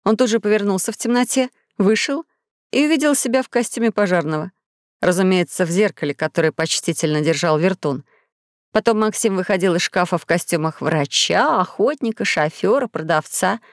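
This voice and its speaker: Female storybook narrator, dry close studio sound, mid pitch, clear and steady telling. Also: a little fast, dry recording. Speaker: audiobook narrator. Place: recording studio.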